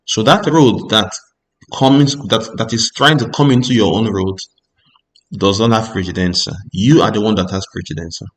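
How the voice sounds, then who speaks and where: A man teaching a driving theory lesson, reading each rule aloud and then explaining it patiently, often checking understanding with a quick "Ok?". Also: lowish voice.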